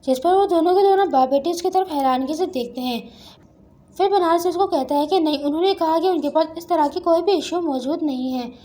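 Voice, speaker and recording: A woman narrating a comic story recap in an even storytelling read, quoting the characters without putting on voices. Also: very high voice, brisk.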